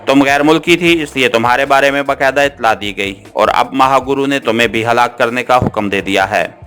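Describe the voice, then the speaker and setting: A man voicing an armed male cult guard in an audiobook, speaking in a harsh, flat tone over soft background music. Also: medium pitch, a little fast, clear, resonant tone, natural voice. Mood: menacing. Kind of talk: audiobook character reading.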